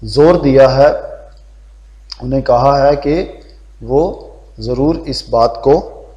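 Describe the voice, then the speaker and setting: A man's voice: mid-range voice, warm tone. A male Urdu teacher in a recorded lesson, who explains word meanings and asks and answers his own questions. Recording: roomy dull lo-fi recording.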